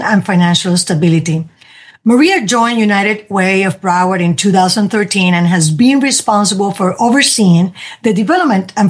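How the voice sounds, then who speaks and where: A woman hosting a podcast interview, talking with enthusiasm and restarting her sentences as she goes. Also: mid-range voice. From spent twenty years in New York. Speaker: podcast host. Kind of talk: conversational interview.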